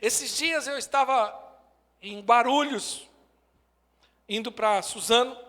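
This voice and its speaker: A man's voice: very high-pitched, takes it slowly, fairly bright tone. A man in his forties with a Brazilian Portuguese accent, preaching a sermon in short, emphatic declarations. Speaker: pastor. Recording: long hall reverb.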